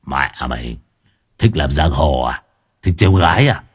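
A man's voice: very animated, moderate pace, husky, heavily acted. A man doing a growling street-tough gangster. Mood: menacing. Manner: low growling gangster swagger. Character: thuggish male street tough, gruff menace.

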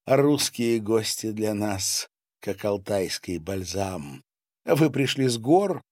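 A man's voice: lowish voice, animated, slow, darkish tone, no echo, clean studio sound. A man voicing a gracious middle-aged countess, chatty and genial. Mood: welcoming.

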